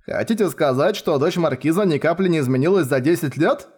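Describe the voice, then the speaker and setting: A man's voice: fairly high pitch, animated, brisk, darkish tone, breathy edge, pitched above the performer's own voice. A man voicing an overwrought young male detective who whines and pleads dramatically. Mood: excited. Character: melodramatic young male detective, wounded, whining.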